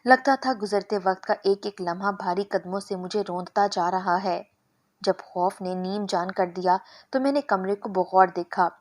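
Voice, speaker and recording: Woman narrating a first-person story. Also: medium pitch.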